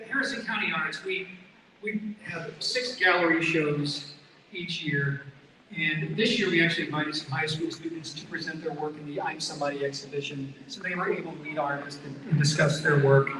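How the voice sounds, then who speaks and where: A man's voice: a little high, steady tone, moderate pace, a bit bright. A man working as master of ceremonies, making live announcements to an event audience over a PA. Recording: echoey PA hall, distant mic, noisy.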